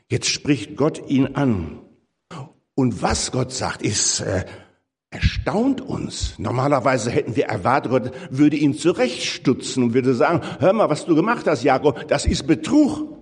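A man preaching a sermon in a church, emphatic and rising on key phrases, warmly addressing his listeners. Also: lowish voice, breathy edge. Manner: addresses listeners as "ihr Lieben". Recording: long reverb of a large hall.

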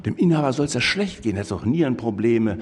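A man's voice: mid-range voice, big pitch swings, fast talker, breathy edge, in a large hall. An older man preaching a sermon, telling a personal story full of quoted dialogue and fillers.

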